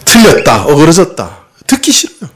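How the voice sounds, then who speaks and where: A male pastor preaching with a slightly husky voice that rises and falls a lot. He quizzes his congregation with rhetorical questions and admits his own faults openly. His sermon has the feel of a conversation. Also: a little high, huge pitch swings, normal speed. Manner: confessional, uses himself as the example.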